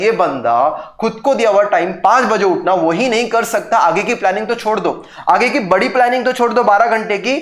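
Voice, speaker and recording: A man's voice: high-pitched, a bit bright, roomy sound. A man, a professor giving casual motivational advice to exam students, often switching between Hindi and English.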